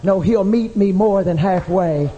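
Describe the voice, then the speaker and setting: A woman preaching a fervent Pentecostal sermon, building to shouted repetitions and calling on the congregation to repeat her words, in an old archive tape from a church service. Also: mid-range voice, unhurried, muffled recording. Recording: reverberant church with faint hiss, 1980 archive tape.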